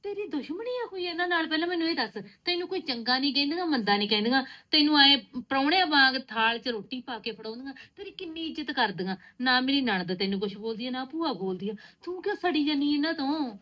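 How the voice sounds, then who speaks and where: A young woman playing a married daughter who pleads with and scolds her mother to keep quiet in front of the in-laws. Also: lively intonation, fast talker, few pauses. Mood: urgent, pleading. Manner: pleading, scolding in low urgent tones. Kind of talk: rural village drama acting.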